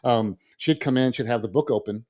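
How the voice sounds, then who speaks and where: In a brisk, mid-range voice, the middle-aged man co-hosting this podcast tells lively stories over casual chat. He performs the quoted lines himself.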